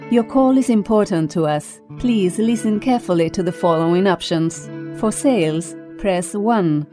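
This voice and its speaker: A woman reading a recorded phone menu message in a polite, clear, evenly paced way. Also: medium pitch, normal speed, warm tone, soft background music. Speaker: voice-over artist.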